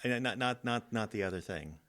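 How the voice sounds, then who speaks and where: A man's voice: fairly low pitch, animated, brisk, a bit bright. An actor playing a nervous, easily panicked male station boss who stammers and hesitates, in a comedic audio drama. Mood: awkward.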